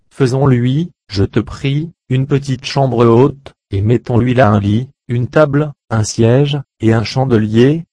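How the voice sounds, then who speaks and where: Man, Bible reading, even steady delivery, mid pitch, dry close sound. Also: no room sound. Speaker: Bible reader. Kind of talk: scripted narration.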